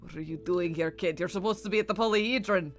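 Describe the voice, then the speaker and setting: A woman's voice: fairly low pitch, quick pace, lightly acted. A woman voicing a terse, sceptical male doctor in a video game, with formal, dry delivery. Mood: formal, firm. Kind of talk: reading game dialogue aloud.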